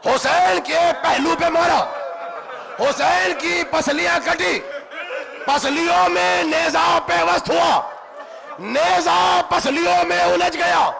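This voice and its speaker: A preacher voicing a confessing killer, anguished cries. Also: male voice, very high voice, gravelly, crowd noise, voice pushed up, exaggerated voice. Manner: lamenting, rising to anguished cries. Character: remorseful male killer confessing a battlefield atrocity.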